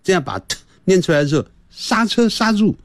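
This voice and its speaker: A man giving a radio English lesson, repeating short phrases over and over and slowing right down to model the sounds. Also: high-pitched, sing-song, no room sound. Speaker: English teacher.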